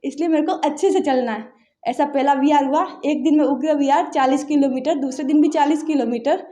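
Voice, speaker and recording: A woman's voice: high voice, fairly quick, warm tone. A young woman from Rajasthan earnestly recounting a personal story in casual interview talk, acting out her family's words as she goes. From Barmer, Rajasthan, India.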